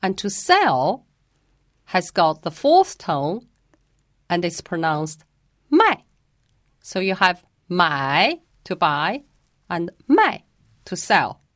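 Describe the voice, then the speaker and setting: Slow, patient woman language teacher. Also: on the low side, lively intonation, fairly bright tone, dry recording, studio quality. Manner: patient, careful, demonstrates pronunciations. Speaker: Mandarin teacher. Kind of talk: explanatory interview answers.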